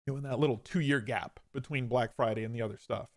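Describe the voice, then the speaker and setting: With a mid-range voice and a quick pace, the podcast host, a man in his forties, casually recounts his own story. He uses emphatic repeats and some self-deprecation. The studio sound is clean, with no room sound.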